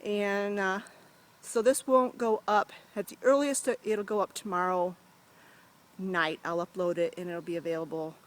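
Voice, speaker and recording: A woman's voice: medium pitch, fairly even intonation, measured pace. A woman from the United States chatting casually to camera outdoors at her duck pen, cooing in a sing-song voice to her ducks and a little out of breath. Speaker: vlogger. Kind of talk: casual vlog chat.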